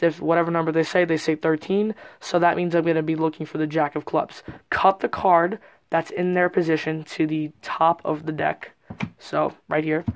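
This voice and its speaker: Casual card trick tutorial presenter, mid-pitched voice. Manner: informal, explanatory. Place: indoors at a card table.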